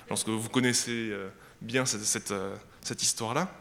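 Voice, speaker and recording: A man reading a Bible passage aloud, then explaining it in a conversational sermon that pauses to search for words. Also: on the low side, steady tone, vocal fry, a bit bright, long reverb tail. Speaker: preacher.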